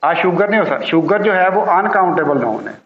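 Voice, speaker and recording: Teacher, male, patient and repetitive, slightly high voice, roomy lo-fi recording. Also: sing-song, creaky. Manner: patient, repeats key words slowly. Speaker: English teacher. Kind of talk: classroom grammar lesson. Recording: roomy, dull lo-fi sound.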